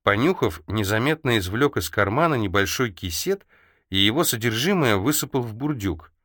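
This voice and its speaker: A man reading a historical tale aloud in a measured storytelling manner. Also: mid-range voice, lively intonation, a bit bright, no room sound, clean studio sound. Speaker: narrator. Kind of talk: audiobook reading.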